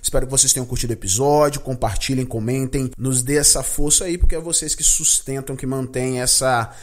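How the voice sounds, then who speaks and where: A man's voice: mid-range voice, steady tone. A man with a Brazilian Portuguese accent hosting a podcast pronunciation lesson, saying each English word over and over and asking his listeners "beleza?" between the repetitions. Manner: drills words slowly, repeating each one and checking in with "beleza?".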